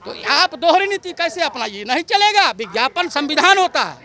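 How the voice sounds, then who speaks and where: Protesting male teacher candidate, street interview, high bright voice, rhetorical and fervent. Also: sing-song, normal speed. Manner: impassioned, rhetorical questions.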